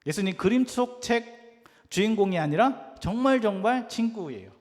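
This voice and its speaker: High-voiced man coaxing a small child. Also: lively intonation, normal speed. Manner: gentle, coaxing, asks a small child many questions. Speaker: preacher for children. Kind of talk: children's sermon with picture storytelling. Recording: long hall reverb.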